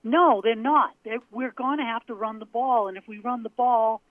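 A man's voice: very high-pitched, fairly even intonation, moderate pace, dry recording. A man from Maine calling in to a sports radio show over the phone, arguing his point and laughing. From Maine, USA. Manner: argumentative, laughing. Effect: radio show caller on a phone line. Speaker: caller. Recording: tinny phone line, dry.

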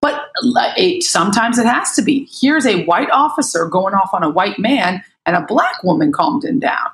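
A middle-aged American woman in casual panel talk, an animated storyteller who acts out what people said. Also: mid-range voice, moderate pace, low-quality recording. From United States. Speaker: panel guest.

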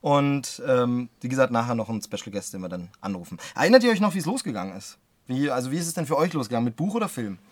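A man's voice: mid-range voice, sing-song, fast, no echo. A young man co-hosting a casual podcast chat, joking around and tripping over fillers, recorded in a small studio. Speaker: podcast co-host, former film magazine editor.

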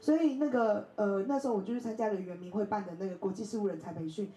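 At a bookstore event, an invited speaker in her thirties from Taiwan shares personal stories, laughing often and acting out the voices of people she quotes. She's animated and talks fast in a medium pitch. The recording is rough and reverberant.

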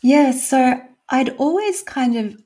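A woman from Australia, a podcast guest talking in a soft-spoken, thoughtful way. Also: high-pitched, expressive, slow pace. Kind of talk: casual interview.

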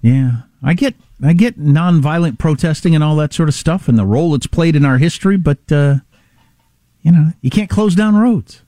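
Casual man with a higher-pitched voice. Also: moderate pace, warm tone, dry recording, clean studio sound. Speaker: talk show co-host. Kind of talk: casual radio chat.

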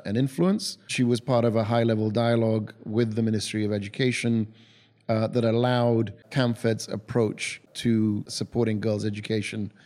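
A man's voice: medium pitch, darkish tone. A man hosting a podcast, introducing his guest and asking questions with many hesitant fillers. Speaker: podcast host.

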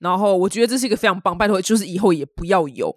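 Woman news-chat host, quick and animated, dry close sound. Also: medium pitch, dry recording. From Taiwan. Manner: chatty, opinionated, animated. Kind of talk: casual news commentary.

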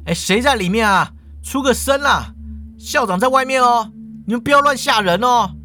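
A man voicing a brash, exasperated young man with a loud, brusque delivery. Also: fairly high pitch, a little fast, close to an everyday voice. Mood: shouting.

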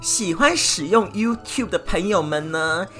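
Woman, podcast host, chatty, lots of drawn-out fillers, lively swooping pitch, lowish voice, faint music behind. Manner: chatty, many drawn-out filler particles, addresses listeners directly. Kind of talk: solo podcast chat.

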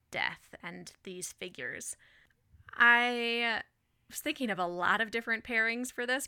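A woman co-hosting a casual book chat, enthusiastic and quick to laugh. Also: mid-range voice, creaky, pushed and bright, smooth, no echo, clean studio sound. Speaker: podcast co-host.

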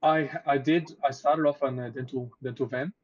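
A young man from Egypt talks in a relaxed, chatty way about his work as a guest on a podcast. His voice stays fairly flat in pitch. The sound is dull and lo-fi. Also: normal speed. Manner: relaxed, chatty, laughs easily, restarts. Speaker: oral health therapist, guest. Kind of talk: casual interview. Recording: dull lo-fi audio.

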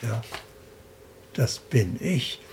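A man with a gravelly edge to his voice talks in a slow, deliberate way, setting out his ideas as a list. There is a faint hiss behind him. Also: medium pitch, expressive, a little mellow. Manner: slow, deliberate, explaining in lists. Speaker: interview guest. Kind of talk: calm spiritual interview talk.

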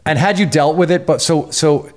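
A man's voice: a little high, moderate pace. Laid-back man hosting a chummy interview. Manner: relaxed, chummy, stumbling repeats while framing questions. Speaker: podcast host. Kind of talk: casual interview.

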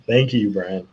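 A man's voice: fairly low pitch, a little mellow, dull audio, a little hiss or hum. A man explaining a subject as a guest in a casual interview, hesitant with many fillers. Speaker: tobacco company guest.

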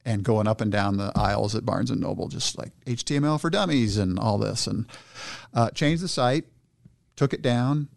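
Man, gravelly voice, dry close sound, casual storytelling, animated. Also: fairly low pitch, moderate pace, dry recording. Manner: animated, acts out quoted voices. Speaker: guest entrepreneur.

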